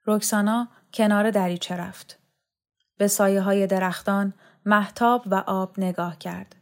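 A woman narrating a novel aloud as an audiobook reader, calm and measured. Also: mid-range voice. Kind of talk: scripted literary narration.

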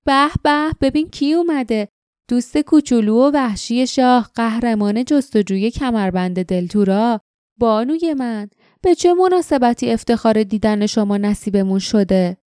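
A sly little man with a sneering, taunting way of talking, put on by a woman reading aloud, pitched up higher and slower than her narration. Each mocking line is drawn out. The voice sounds close and dry. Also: mellow, clean tone, dry recording, lightly acted.

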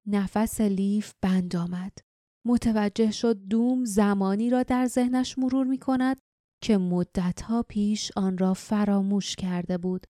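A woman reads an audiobook in a steady, measured way. Her voice is dark and mellow, and the recording is dry and close with no room sound. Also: medium pitch, no room sound. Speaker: audiobook narrator. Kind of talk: scripted audiobook narration.

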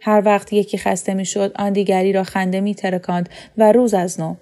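A woman from Iran narrating a novel aloud in a calm, measured storytelling voice. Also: medium pitch. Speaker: audiobook reader.

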